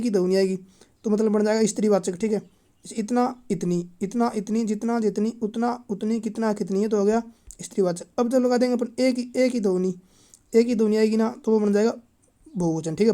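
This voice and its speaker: Mellow-voiced woman teaching grammar. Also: medium pitch. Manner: repeats "ठीक है" and "इतना याद रखना है" as fillers; chants word forms in lists. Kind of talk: exam-prep grammar lesson.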